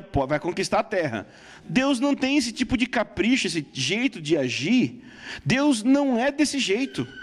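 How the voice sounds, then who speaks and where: A man with a notably high voice teaching a sermon on prayer, pressing each point home and stopping to check his listeners follow. His voice rings out with a long hall reverb behind it. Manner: emphatic, scripture-citing, checks in with the audience.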